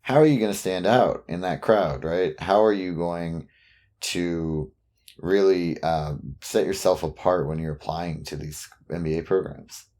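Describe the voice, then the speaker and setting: Deep-voiced casual male podcast host. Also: measured pace, a little mellow. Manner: leading questions with frequent "right?" and "like". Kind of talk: casual interview questions.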